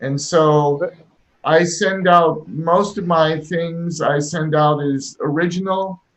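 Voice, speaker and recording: A man's voice: fairly high pitch, steady tone, slow pace, poor audio. A man in his sixties from Washington State hosting a casual online class, jovial and encouraging, given to joking. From Washington State, United States. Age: 60s. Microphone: video call.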